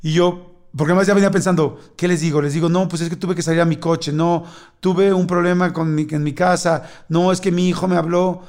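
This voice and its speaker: In a high-pitched, fairly quick voice, a middle-aged Mexican man spins a story during a casual chat. He's an animated storyteller who performs the other characters' lines himself, speaking with a Mexican Spanish accent.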